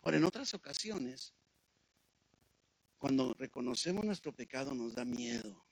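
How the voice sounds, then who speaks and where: Preacher guy, kinda husky, talks to the crowd like a chat, asks them stuff. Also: medium pitch, lively intonation, normal speed, dry recording, low-quality recording. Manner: conversational, asks listeners rhetorical questions. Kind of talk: sermon.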